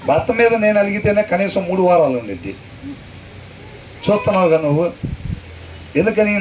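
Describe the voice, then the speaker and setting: A pastor teaches scripture to a gathered class, stopping often to quiz his listeners and repeating verses slowly. His voice sits high. He is picked up from a distance with faint noise behind. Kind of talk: conversational sermon with questions to the room. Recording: far from the mic, faint noise.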